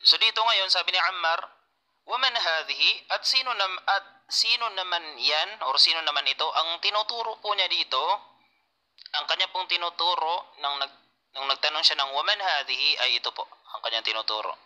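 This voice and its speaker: Male teacher, very bright tone, patient and repetitive delivery. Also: fairly high pitch, moderate pace, low-quality recording. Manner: patient, repeats key points, answers students. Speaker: Arabic teacher. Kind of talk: online class lecture.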